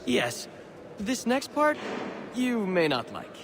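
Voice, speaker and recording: An actor playing a wry, self-assured convict forger, coaxing and slyly explaining. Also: male voice, sits high, wildly swooping pitch, slow, noisy background, heavily acted.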